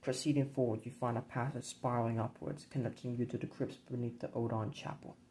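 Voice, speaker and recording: A man narrating a dark board game campaign in a measured, grim storybook reading. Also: mid-range voice, level tone, a little hiss or hum, rough recording.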